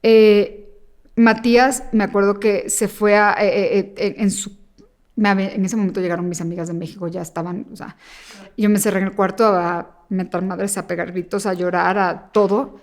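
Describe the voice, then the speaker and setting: A woman guest telling an emotional personal story, acting out the voices of the people in it and sometimes rushing through in fast bursts. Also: mid-range voice. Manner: animated, acts out quoted dialogue. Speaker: interview guest.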